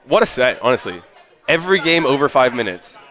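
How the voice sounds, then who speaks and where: A man giving analytical play-by-play on a match, breaking into excited shouts. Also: medium pitch, fairly quick, a faint crowd. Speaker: esports commentator. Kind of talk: play-by-play commentary.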